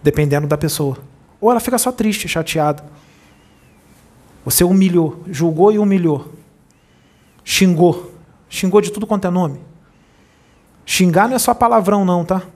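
A man's voice: high voice, normal speed, pauses often, darkish tone. A man speaking as a spiritual medium, giving a channeled sermon in an admonishing tone and asking many rhetorical questions.

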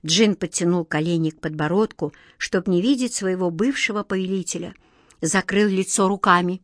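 A woman reading a fairy tale aloud in an expressive, measured way. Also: lowish voice, dry recording, clean studio sound. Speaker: audiobook reader. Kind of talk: storybook narration.

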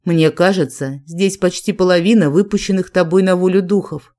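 A reader voicing a cautious young male inquisitor with a wry manner, in a calm, steady audiobook reading. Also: high-pitched, moderate pace, natural voice.

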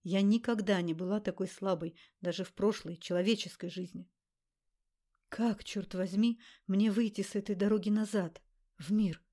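A woman narrating an audiobook in the first person with an even, measured reading. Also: mid-range voice.

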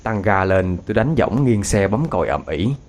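A man with a Southern Vietnamese accent narrating a ghost story in an expressive way. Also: on the low side, moderate pace, slight background noise.

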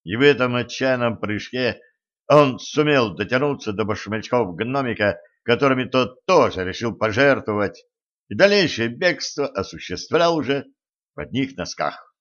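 A man narrating an adventure audiobook in a lively storytelling manner. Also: mid-range voice, moderate pace, dull audio. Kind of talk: scripted narration.

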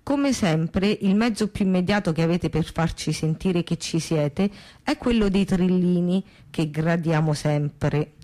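Brief: woman radio host, unhurried on-air announcer, lowish voice, careful and measured. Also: mellow. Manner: measured, repeating numbers carefully. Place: radio studio.

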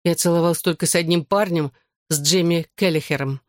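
Reader putting on a jumpy teen girl, prudish, flares up fast, dry close audiobook sound. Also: medium pitch, fairly even intonation, no room sound, lightly acted. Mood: flustered. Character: teen girl, skittish, prudish, quick-tempered. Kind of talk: audiobook character voice.

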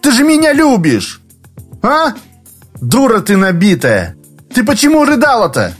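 Blunt, exasperated office worker, by a man, animated delivery. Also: a little high, unhurried, breathy edge, soft background music, pitched above the performer's own voice, full character voice. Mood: desperate, shouting. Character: frustrated, stubborn young male office worker.

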